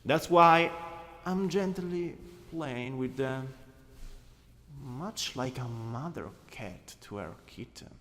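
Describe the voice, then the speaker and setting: In a scripted ASMR roleplay, an Italian-accented man plays a gently dominant male anatomy teacher doting on a catgirl-like pet companion. His medium-pitched, slightly bright voice is slow, coaxing, instructive and unhurried, with a composed, lecturing mood, set in a long, reverberant hall echo.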